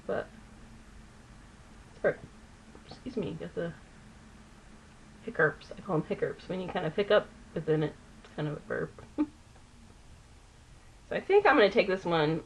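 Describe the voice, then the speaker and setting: A woman's voice: low voice, slight background noise. A woman vlogger chatting casually while doing her makeup, rambling and often losing a word mid-sentence. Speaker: beauty vlogger. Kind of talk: chatty get-ready-with-me.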